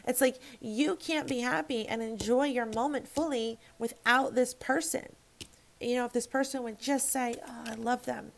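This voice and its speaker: A woman's voice: on the high side, steady tone, normal speed, low-quality recording. A woman giving a casual tarot reading to camera, frank and emphatic, swearing freely and rambling with restarts. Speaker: tarot reader.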